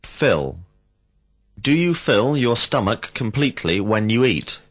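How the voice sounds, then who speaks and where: In a recorded lesson, a male English teacher reads out drill questions slowly, enunciating each one carefully. His voice is medium in pitch with big swings in intonation.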